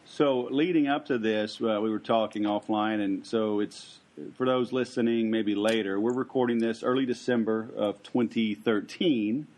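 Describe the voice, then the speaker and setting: A man hosting a podcast in a casual interview style, halting, with frequent ums and pauses. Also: fairly low pitch, steady tone, a little mellow. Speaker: podcast host.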